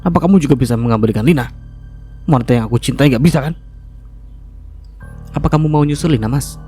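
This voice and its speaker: A man's voice: medium pitch, fast talker, dark tone, breathy edge, faint music behind, natural voice. A man voicing a vengeful, scheming young wife who speaks in a mocking, sarcastic way. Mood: menacing. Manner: taunting, sarcastic.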